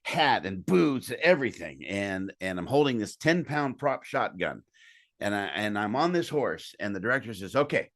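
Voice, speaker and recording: A man's voice: lowish voice, normal speed, no echo, studio quality. A man hosting a podcast, chatting casually and joking with his guest over a video call. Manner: joking, animated storyteller. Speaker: podcast host. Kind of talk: casual interview chat.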